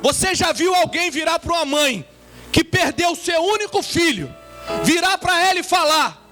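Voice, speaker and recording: A man delivers a sermon in a strikingly high voice, throwing questions out to the congregation with dramatic flair. Music plays clearly beneath him. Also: animated, normal speed, sharp tone. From Brazil. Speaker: guest preacher. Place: church.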